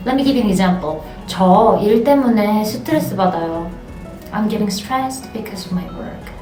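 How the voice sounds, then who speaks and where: A young woman with a Korean accent teaching an online language lesson, encouraging and repeating phrases slowly for practice. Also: mid-range voice, mellow. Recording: roomy, distant mic, faint music.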